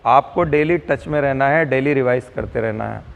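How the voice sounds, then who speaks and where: A man's voice: medium pitch, moderate pace, gravelly, in a large hall. A man, a physics teacher lecturing students on camera, urging and scolding them to prepare for tests. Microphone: camera mic.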